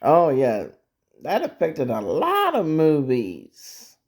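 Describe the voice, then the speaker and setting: A man's voice: fairly high pitch, huge pitch swings, takes it slowly. A man co-hosting a casual pop culture chat, answering with short dry reactions and quips. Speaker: co-host.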